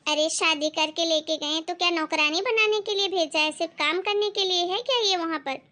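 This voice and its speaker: A woman doing a mean bossy saas, very high bright voice, nags nonstop. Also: moderate pace. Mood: complaining. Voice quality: scolding, sharp-tongued. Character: bossy, cruel Indian mother-in-law. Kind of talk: Hindi family drama acting.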